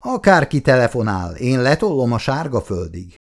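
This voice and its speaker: A man voicing a gruff, irritable older father who scolds his family. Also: medium pitch, sing-song. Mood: grumpy.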